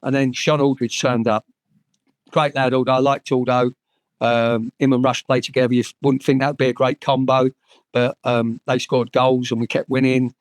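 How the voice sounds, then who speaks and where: A man's voice: medium pitch, little pitch movement, moderate pace, no echo. An English man in his sixties, a former footballer, telling frank, sweary anecdotes with many fillers and restarts. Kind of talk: storytelling anecdotes in conversation.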